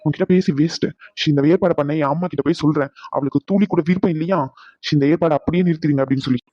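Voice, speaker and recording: A man's voice: on the high side, fast talker, no room sound, lo-fi sound, close to an everyday voice. A man voicing a stressed young husband in a cartoon, scolding his wife in long rants. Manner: scolding rants, softening into comfort. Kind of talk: cartoon voice acting.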